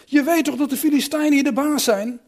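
A man's voice: extremely high pitch, fairly quick, voice pushed up. A man reading a Bible story aloud, voicing a crowd of anxious Judean men in an urgent, raised voice. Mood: reproachful.

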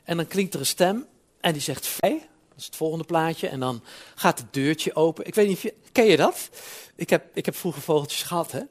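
A man's voice: on the high side, fairly quick. A man preaching a sermon in church, talking conversationally with frequent asides and building to emphatic peaks.

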